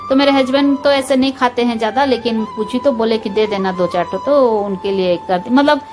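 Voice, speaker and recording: Loud background music plays beneath a woman's slightly high, fairly quick voice as she narrates her lunch-cooking routine at home. She's an adult home vlogger and mother of school-age children, talking casually and directly to her viewers in a homely way.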